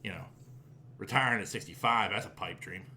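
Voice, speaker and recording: A man's voice: fairly low pitch, fairly quick, sharp tone, a little hiss or hum. A man in his forties hosting a podcast, chatting casually, rambling with lots of fillers, restarts and swearing. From Pittsburgh area. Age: 40s. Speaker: podcast host. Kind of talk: casual chat.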